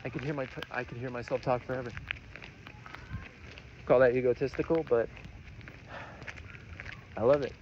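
A man's voice: medium pitch, steady tone, normal speed, long pauses, a little mellow, highs cut off, slight background noise. Rambling, profane man vlogging on a walk. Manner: rambling, profane, self-mocking. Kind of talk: casual walking monologue. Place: outdoors, walking on roads.

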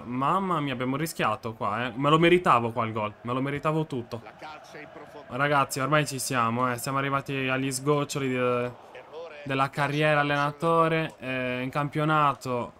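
A young man with a dry, sore throat, commentating on his own football video game match, muttering one moment and shouting the next. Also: mid-range voice. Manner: swings from muttering to shouting at goals. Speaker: gaming video creator.

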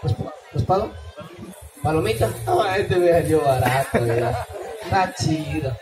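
A man's voice: fairly high pitch, lively intonation, a little slow. A man hosting a comic street show as a silly clown, teasing and hyping the audience. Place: outdoor town plaza by a bandstand at night. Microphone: far camera. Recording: outdoor crowd noise, loud music, distant echoey mic. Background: loud music and crowd.

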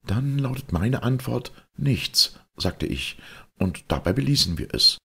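A fretful elderly lady, voiced by a male reader, scolding and indignant. Her voice rises and bobs with agitation over a gravelly, husky texture, in a storybook reading. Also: mid-range voice, sing-song, a little slow, sharp tone, voice pushed up, exaggerated voice.

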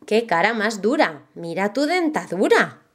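Woman playing a clever little storybook girl, teasing, sing-song rhymes, bouncy pitch. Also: sing-song, unhurried.

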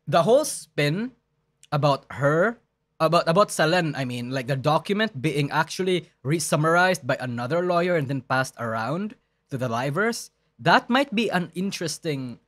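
A man's voice: fairly high pitch, a bit bright. Man giving casual live reaction commentary. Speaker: streamer, reaction host.

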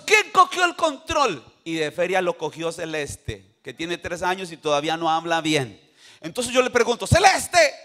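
An older man preaching a sermon in a church, animated, with sudden shouts and call-and-response to the congregation. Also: high-pitched. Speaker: pastor.

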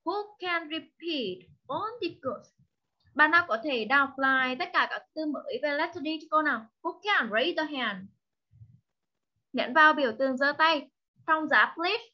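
A woman with a Vietnamese accent teaching English online, drilling each word slowly and repeating it many times while switching between English and Vietnamese. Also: high-pitched, animated, muffled recording. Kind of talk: slow drilling of vocabulary for young learners.

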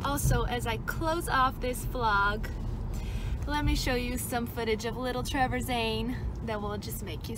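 Chatty upbeat woman vlogging. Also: a little high. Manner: chatty, upbeat, with many fillers. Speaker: vlogger and radio host. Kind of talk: casual vlog to camera. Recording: noisy camera audio.

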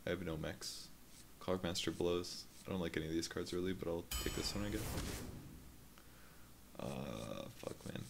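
A man's voice: deep voice, expressive, moderate pace, vocal fry, long pauses, background noise. A man casually commenting on his own card game play as a streamer, self-deprecating and swearing freely.

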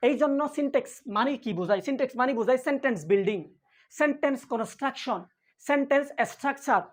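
High-voiced fast woman teacher. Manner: repeats key points and asks the listener rhetorical questions. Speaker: English grammar teacher. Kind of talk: spoken grammar lesson.

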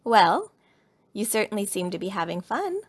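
Storybook mama bear, read by a woman: calm, measured, gently teasing, patient reasoning. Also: medium pitch. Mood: amused.

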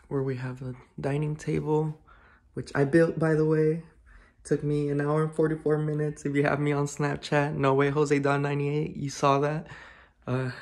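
A man's voice: fairly high pitch, creaky, darkish tone. A young man in his twenties giving a chatty, filler-heavy house tour as a vlogger, recorded on a handheld phone camera. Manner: loose and chatty, full of fillers. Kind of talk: casual house tour vlog. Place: indoors at home. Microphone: phone held in hand.

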